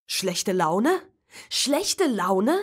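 A woman voicing an angry, sarcastic teenage boy who shouts and sneers. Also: medium pitch, animated, moderate pace, close to an everyday voice. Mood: furious.

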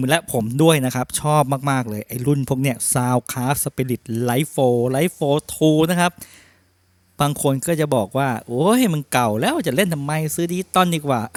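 A middle-aged man selling audio equipment, pitching and demonstrating a mixer in a blunt, opinionated, persuasive way. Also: no room sound. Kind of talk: sales pitch and product demo.

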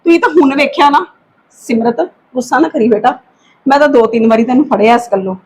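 A woman playing an aunt in a family drama, reasoning calmly and pleading for patience. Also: high-pitched, fairly quick, breathy edge. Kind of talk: acted family drama dialogue.

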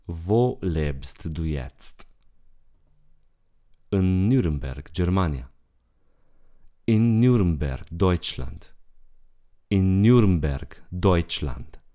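Very deep, slow-spoken male language teacher. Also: lively intonation, dark tone. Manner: slow, repeats each phrase twice. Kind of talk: bilingual language lesson.

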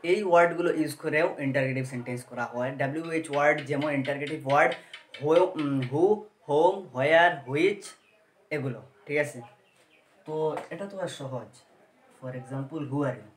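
Male tutor, patient step-by-step explainer, slightly high voice, roomy echo. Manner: explains step by step, asks rhetorical questions and answers them; reads example sentences slowly word by word. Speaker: English grammar teacher. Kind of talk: Bengali-language grammar lesson.

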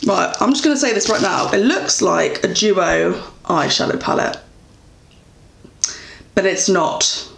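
A woman's voice: mid-range voice, lively intonation, a little slow, creaky, pauses often, a bit bright, a little hiss or hum. A young English woman chatting casually while reviewing beauty products, with lots of fillers and self-corrections. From England. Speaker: beauty vlogger. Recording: echoey room.

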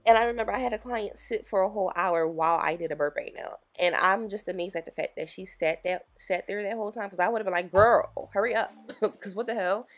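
A woman nail technician, raspy from just waking up, chatting casually and encouragingly to viewers as she explains her work. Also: medium pitch, quick pace, hardly any pauses. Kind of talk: casual tutorial voice-over.

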